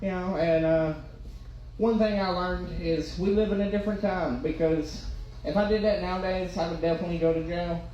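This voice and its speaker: Male stand-up comic, toothless slurred diction, self-deprecating and informal, heard in a heavily reverberant room over clear background noise. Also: high voice, fairly even intonation, moderate pace, mellow, highs cut off. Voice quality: toothless, slightly slurred articulation. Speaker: stand-up comedian. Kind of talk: stand-up comedy storytelling. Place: live comedy stage in a reverberant room.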